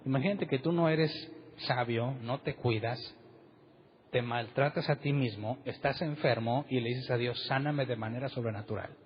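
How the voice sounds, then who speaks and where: A man preaches in a relaxed, conversational way, often turning to his listeners with questions. His voice sits at an ordinary pitch for a man. It carries a long echo from a church hall, with a slightly muffled tone and a faint hiss underneath. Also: unhurried. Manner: asks the congregation rhetorical questions. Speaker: pastor. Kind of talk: conversational sermon. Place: church meeting room.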